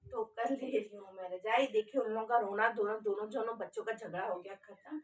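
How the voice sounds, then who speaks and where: A woman's voice: mid-range voice, fairly even intonation, fairly quick, recorded from a distance. Woman vlogging, off-mic at times. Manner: soft and sleepy at first, then loud scolding of a pet. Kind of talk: casual daily vlog chat.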